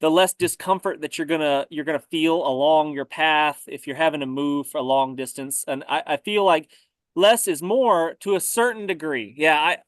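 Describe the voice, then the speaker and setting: A man talking casually about survival gear, relaxed and often repeating words as he thinks. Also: on the high side, moderate pace, dry recording. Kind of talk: casual conversation.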